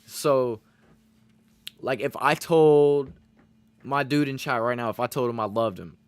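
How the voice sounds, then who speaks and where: A man talks to his stream chat in a loose, rambling way. He is earnest and reflective, stacks filler words, and swears freely as he works through his points. His voice sits at an ordinary middle pitch for a man. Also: unhurried, smooth, no echo. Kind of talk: casual motivational talk to chat.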